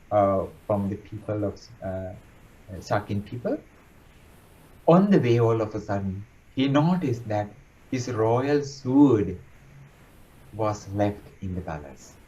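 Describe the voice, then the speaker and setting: A man giving a sermon as a monk, retelling a story in a halting way, often repeating and correcting himself. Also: medium pitch, a little mellow. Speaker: monk giving a Dhamma talk. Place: monastery hall. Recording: distant, dull lo-fi recording.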